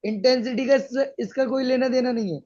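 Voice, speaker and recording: A man's voice: very high-pitched, brisk, darkish tone. A male teacher explaining a science lesson to students, patiently checking that they follow. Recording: dull lo-fi sound.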